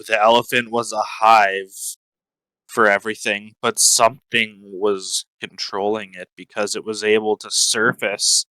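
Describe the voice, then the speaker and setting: A man narrates his character's story in a tabletop game. His voice is lowish and clear, and he takes his time with deliberate, dramatic pauses. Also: sharp tone, no echo, poor audio. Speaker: tabletop role-play player.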